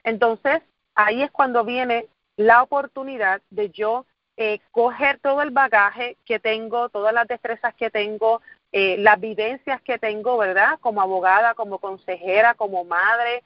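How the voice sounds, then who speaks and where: Speaking unhurriedly with fairly even intonation, a slightly high-voiced Puerto Rican woman in her forties delivers a motivational talk. She keeps repeating words for emphasis and asking the audience questions, all in an earnest tone. The lo-fi recording has no room sound.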